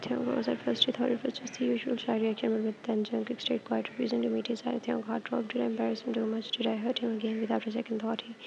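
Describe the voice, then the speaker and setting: A woman reading a romance fan fiction aloud, soft and slipping into whispers, with small stumbles and restarts. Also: a little high, gravelly, dull audio. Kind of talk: storytime narration.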